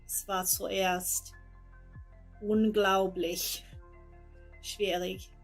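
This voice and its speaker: A young Englishwoman giving a recorded personal testimony, her voice gravelly and held to a flat, narrow pitch. She speaks very slowly, with careful pauses, in an English accent shaped by her first language. Soft music plays faintly behind her. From England. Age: 20s. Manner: slow, halting, careful speech with pauses.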